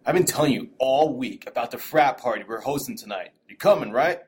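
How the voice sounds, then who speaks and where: A man's voice: medium pitch, animated, brisk, darkish tone, slight background noise, lightly acted. A young man playing a pushy, pleading college frat guy in an audio story, talking in casual slang. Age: young adult. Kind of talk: audio drama acting.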